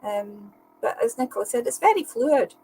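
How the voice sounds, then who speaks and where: A woman's voice: on the high side, expressive, moderate pace, mellow, slight background noise, rough recording. A woman who is a guest on a casual video-call chat, talking earnestly and repeating words as she builds her point. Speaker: guest, paranormal team leader. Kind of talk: casual live-stream chat.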